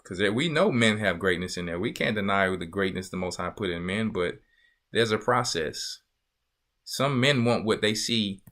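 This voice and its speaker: A church elder with a fairly low, expressive and fairly bright voice teaches from the Bible at a moderate pace. His manner is emphatic, he repeats phrases, and he often asks "you see" to check the listeners understand.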